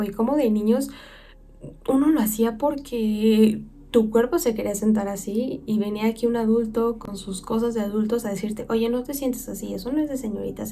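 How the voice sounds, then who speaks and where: A young woman with a Mexican accent hosting a casual self-care podcast, talking like a chatty friend who acts out quoted voices. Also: on the high side. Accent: Mexican Spanish. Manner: chatty, warm-hearted advice with playful quoted voices. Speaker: podcast host.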